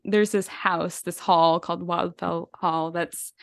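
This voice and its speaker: A woman's voice: lowish voice, steady tone, slow, creaky, no room sound, studio quality. A woman co-hosting a podcast, chatting casually and enthusiastically about books, rambling with lots of fillers and little laughs. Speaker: podcast co-host. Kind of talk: casual book chat.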